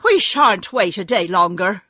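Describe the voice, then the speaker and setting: A woman's voice: lowish voice, very animated, unhurried, fairly bright tone, dry recording, studio quality, exaggerated voice. A woman voicing a sorrowful, insistent male scarecrow in a storybook, with a plaintive, grieved manner.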